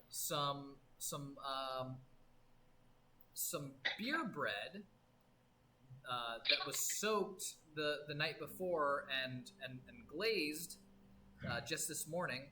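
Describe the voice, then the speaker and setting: Slow, bright-voiced male game master. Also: on the high side, a little hiss or hum, rough recording. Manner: halting, full of fillers and restarts, descriptive. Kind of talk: narrating a tabletop game.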